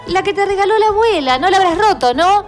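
A woman's voice: very high voice, animated, fast, faint music behind, voice pushed up. A woman voicing an exasperated, scolding mother, in a storybook reading. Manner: scolding, impatient.

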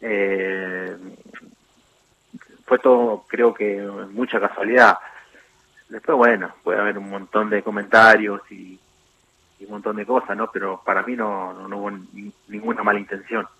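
A middle-aged man from Chubut with an Argentine accent, a former footballer speaking as a guest on a radio interview, talking haltingly with many fillers and restarts. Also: lowish voice, steady tone. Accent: Argentine Spanish. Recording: tinny phone line.

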